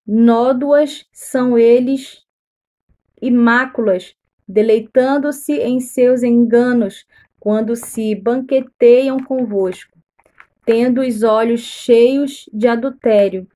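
A woman reads scripture aloud at a very unhurried pace, pausing often between phrases. Her voice sits a little high for a woman yet sounds mellow and warm. She guides listeners through the verses like a missionary leading a live reading. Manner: slow deliberate reading with pauses, asks listeners to mark verses. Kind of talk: slow live Bible reading.

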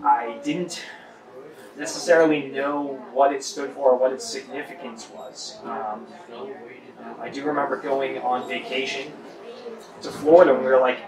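A man's voice: medium pitch, normal speed. Man telling an anecdote in a roomy space. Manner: relaxed anecdotal storytelling with fillers. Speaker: interviewee. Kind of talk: casual interview. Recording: distant, roomy, crowd noise behind.

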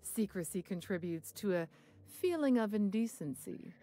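A woman's voice: mid-range voice, lively intonation, normal speed, warm tone, natural voice. An actress voicing a sly, discreet woman who runs a secret venue in a game, talking in a coy, conspiratorial, dryly smug way. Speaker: game character, gallery receptionist.

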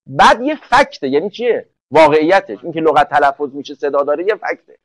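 A male teacher with a high voice runs an online class lecture, recorded dry and close. He drills students with rapid questions and often answers them himself. When he reaches example sentences, he slows down to lay out each word. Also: expressive, no echo, rough recording. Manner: slows right down to spell out English sentences. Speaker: English teacher.

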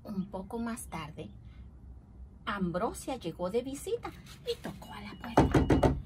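A woman teacher reading a children's story aloud with expressive, dramatic narration. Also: medium pitch, slow. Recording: steady background noise.

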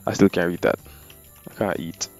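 A man's voice: deep voice, fairly even intonation, moderate pace, soft background music. A young man giving slangy, reactive commentary while playing a horror game, calling everyone bro. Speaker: gamer. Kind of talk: live gameplay commentary.

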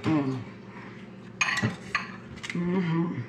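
Middle-aged female mukbang host, mouth full, very slow halting casual delivery, noisy roomy kitchen sound. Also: low voice. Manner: mouth often full, chewing between halting phrases. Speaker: mukbang vlogger. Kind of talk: casual eating chat. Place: home kitchen, indoors. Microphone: phone propped at arm's length. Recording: roomy kitchen echo, noisy with dish clatter.

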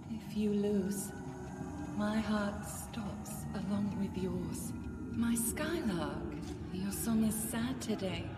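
An actress voicing a doting woman, slow and tender. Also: medium pitch, close to an everyday voice. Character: doting, proud woman urging a young king. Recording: distant, roomy game audio under loud music.

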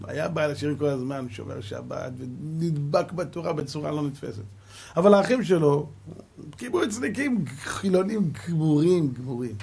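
A middle-aged man, giving a Torah lesson as a rabbi and telling stories dramatically, swinging from loud exclamations to quiet asides. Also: a little high, lively intonation, creaky, breathy edge. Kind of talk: animated Torah lesson with storytelling.

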